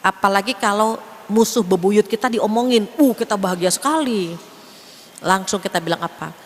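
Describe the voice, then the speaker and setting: A woman's voice: medium pitch, moderate pace, in a large hall, slight background noise. A woman preacher giving a casual religious lecture in a chatty way, acting out bits of everyday talk. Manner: chatty, acts out quoted speech in lively voices. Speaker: female Islamic preacher.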